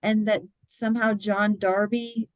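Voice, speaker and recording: A woman's voice: medium pitch, level tone, unhurried, dry recording. A woman taking part in a casual church class discussion on a video call, hesitant and searching for words. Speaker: class participant.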